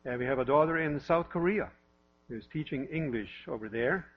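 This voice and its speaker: Husky Norwegian-born pastor preaching over a hum. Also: male voice, mid-range voice, lively intonation, moderate pace. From Norway. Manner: warm self-deprecating humor, conversational with repeated questions. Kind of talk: sermon. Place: church sanctuary. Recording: lo-fi with mains hum.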